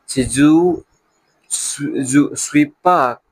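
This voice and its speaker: A man who is a beginner learner, speaking broken French with a non-native accent in a casual monologue, halting to search for words and repeating them. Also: on the high side, breathy edge, low-quality recording. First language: not French, a beginner learner of French. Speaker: language learner.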